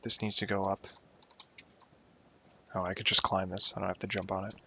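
His voice sits low with little pitch movement, at normal speed, with vocal fry and a bright, forceful tone. The young gaming YouTuber gives rambling, self-mocking commentary to himself while playing at home, in a dull lo-fi recording with a little hiss or hum.

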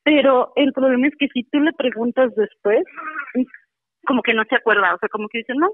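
A woman's voice: on the high side, fairly quick, no echo. A woman, phoning in to tell a story in a casual, chatty way, often using fillers. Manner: chatty, many fillers like "este". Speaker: caller. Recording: tinny phone line with music behind.

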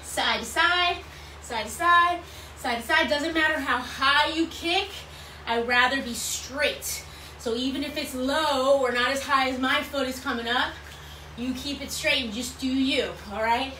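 High, bright woman aerobics instructor. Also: unhurried. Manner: encouraging, repetitive cueing while exercising. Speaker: fitness instructor leading a workout. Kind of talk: aerobics instructor calling out moves and counts. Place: small bright room at home, indoors. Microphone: camera or phone several feet away. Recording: roomy, distant mic, clear background noise.

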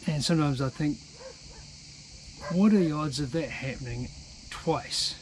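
A man's voice: on the high side, measured pace, darkish tone, slight background noise, poor audio. A man, narrating a sailing vlog in an earnest, plain-spoken way and often restarting his sentences. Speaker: sailing vlogger.

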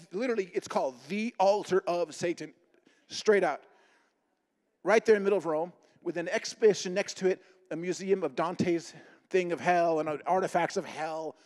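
A middle-aged man preaching with high-pitched, rapid energy. He tells his stories in an animated way and acts out the dialogue. His voice rings out in a long hall reverb. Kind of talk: humorous sermon with stories.

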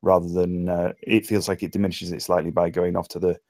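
A low-pitched, slightly mellow English voice delivers informal script feedback after a table read, flat in delivery and fairly quick. The Englishman speaks in hesitant phrases laced with dry humour. It's a dry recording from a remote online voice call.

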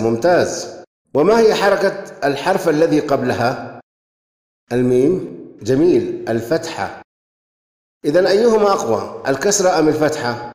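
A man teaching a grammar lesson, asking questions and then praising the answers, and reading example words slowly and carefully. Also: medium pitch, darkish tone. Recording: echoey room with long reverb.

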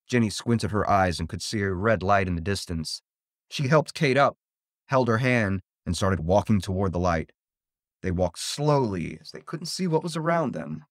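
A man reading a spooky children's story aloud, in an expressive, theatrical way. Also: lowish voice, moderate pace, no room sound, studio quality.

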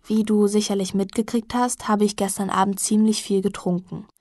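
A woman's voice: mid-range voice, little pitch movement, moderate pace, a little mellow, dry recording, clean studio sound, close to an everyday voice. A woman reading the part of a hungover young man who talks in a stiff, formal way, as if reading out an apology.

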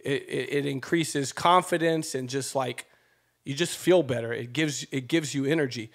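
A man in his thirties co-hosting a podcast, talking in a lively, motivational way at a desk microphone in a home studio. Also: mid-range voice, moderate pace. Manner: animated and preachy, gestures a lot. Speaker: podcast co-host. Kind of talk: casual podcast chat. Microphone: desk mic on a stand.

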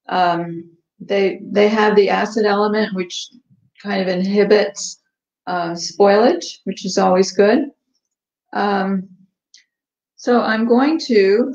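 A woman hosting a casual live cooking stream from a home kitchen, chatting with many ums and eating as she talks. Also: mid-range voice. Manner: relaxed, chatty, many ums, tasting and eating while talking. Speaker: cooking show host. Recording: echoey, dull livestream audio.

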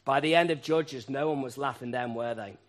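A man preaching a sermon, asking rhetorical questions and repeating key phrases, moving between quiet asides and loud emphatic peaks. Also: medium pitch, fairly quick.

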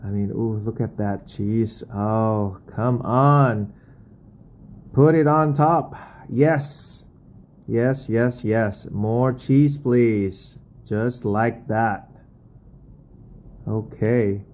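A man's voice: fairly low pitch, darkish tone, rough recording. A man in his forties vlogging a meal in a small restaurant, enthusiastic and savoring every bite. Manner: enthusiastic, savoring food with drawn-out exclamations. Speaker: food vlogger. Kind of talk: casual food vlog. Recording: restaurant noise behind.

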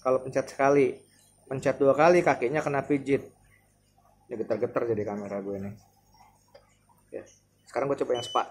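A man's voice: medium pitch, steady tone, brisk, long pauses, a little mellow. A man in his thirties with a Jakarta Indonesian accent, thinking aloud in an informal, hesitant product demo in a room at home. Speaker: vlogger testing a massage chair. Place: indoors, living room at home. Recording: clear background noise, room ambience.

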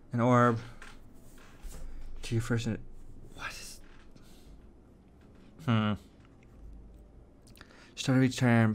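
A man's voice: medium pitch, fairly bright tone. Chatty man narrating his gameplay. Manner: chatty, thinks aloud while playing. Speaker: gaming channel host. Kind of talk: casual gameplay commentary.

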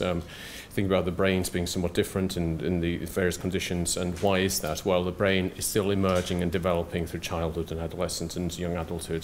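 Speaking into a podium microphone, a middle-aged man gives a conference lecture in a soft, low-sitting voice. He hesitates, restarts, uses plenty of fillers, and slips in dry asides. A little hiss or hum runs through the recording.

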